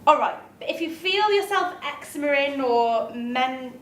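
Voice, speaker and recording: A woman's voice: high voice, expressive, unhurried, slight background noise. A woman acting a squeamish, dramatic teenage girl, recorded from a distance in an echoey room. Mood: fussy. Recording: echoey room, far-off camera mic.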